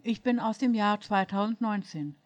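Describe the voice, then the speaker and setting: A woman reading a German fan story aloud, voicing a patient, good-humoured young man who explains things calmly. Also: medium pitch, normal speed, no echo, dull audio, pitched above the performer's own voice, natural voice. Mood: amused. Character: patient, amused young man, a calm helper.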